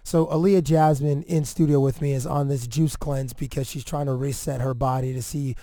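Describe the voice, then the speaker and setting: A man hosting a podcast, chatting casually in a halting, slangy way full of "like.". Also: medium pitch, steady tone, mellow, no room sound, studio quality. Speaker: podcast host. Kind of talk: casual chat.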